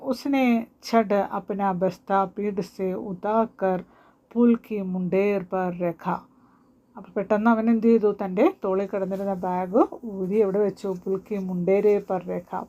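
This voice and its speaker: Mellow-voiced woman teaching a lesson. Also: medium pitch, steady tone, dull audio. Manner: reads each Hindi line slowly, then explains it, asking questions back. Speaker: Hindi teacher. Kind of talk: explaining a story line by line.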